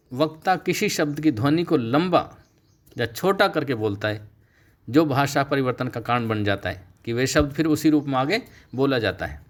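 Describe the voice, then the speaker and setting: A middle-aged man teaching a Sanskrit class, explaining steadily and slowing down to stress key terms. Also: a little high, a little hiss or hum. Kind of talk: recorded online lecture.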